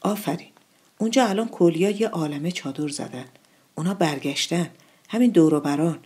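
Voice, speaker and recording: A woman voicing a busy, protective mother with a husky voice, speaking firmly. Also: on the low side, darkish tone. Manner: firm, protective. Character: busy caring mother baking bread, middle-aged.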